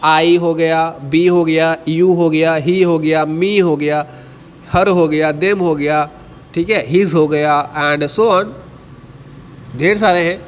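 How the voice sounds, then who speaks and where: A man teaching an entrance exam English lesson, explaining in Hindi and dictating English definitions slowly, often asking students and checking they follow. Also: on the high side, steady tone, long reverb tail, a little hiss or hum. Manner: keeps asking students to answer and checks with "ठीक है".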